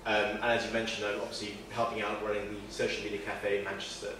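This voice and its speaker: A man, not from northern England, gives an informal presentation to a meetup audience in an event room, chatty and self-deprecating with many fillers and restarts. His fairly low, monotone voice is fast and a bit bright, recorded from a distance in a very echoey room with faint noise.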